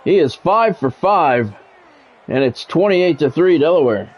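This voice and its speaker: Fairly high and animated with a breathy edge, this man keeps a measured pace as he commentates a football video game live. Between the play-by-play he throws in blunt, salty casual chat, and the audio is dull.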